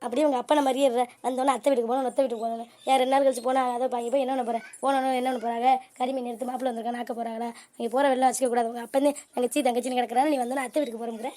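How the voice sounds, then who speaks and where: A woman voicing a sharp-tongued, scheming middle-aged mother in a homemade cartoon, scolding her family. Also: fairly high pitch, flat delivery, very fast, hardly any pauses, close to an everyday voice. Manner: scolding, bickering. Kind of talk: cartoon voice acting.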